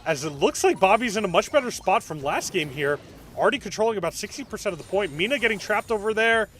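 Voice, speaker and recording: A young man streaming live, giving excited play-by-play commentary on an esports match and answering chat between calls. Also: high-pitched, quick pace, a little hiss or hum.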